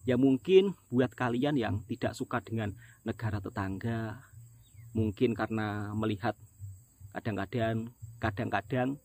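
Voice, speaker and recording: Talking casually and earnestly to his viewers, whom he keeps calling his friends, this middle-aged Indonesian man works as a migrant laborer and vlogger. His medium-pitched voice is a little mellow, and there is a faint hiss or hum in the recording.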